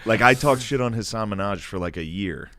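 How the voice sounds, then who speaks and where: A man's voice: fairly low pitch, expressive, brisk, bright, forceful tone, dry recording. A man who is a comedian guest, talking casually on a podcast in a loose, profane way, often laughing and trailing off.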